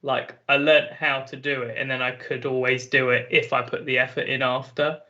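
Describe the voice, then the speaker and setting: A man's voice: medium pitch, flat delivery, moderate pace, sharp tone, dull audio. A man reflecting casually on a podcast, often saying like. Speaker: podcast co-host. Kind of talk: casual chat.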